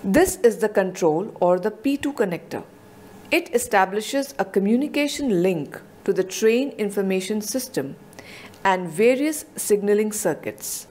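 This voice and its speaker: With an animated, darkish mid-range voice, a woman narrates a scripted technical explanation, keeping her voice-over measured and explanatory.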